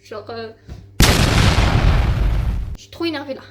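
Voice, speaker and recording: A woman's voice: fairly high pitch, slow pace, a little hiss or hum. A teenage girl vlogging at home into her handheld phone, rambling with lots of fillers and casual swearing. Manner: rambling, filler-heavy, swearing, exasperated storytelling. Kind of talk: casual vlog chat to camera.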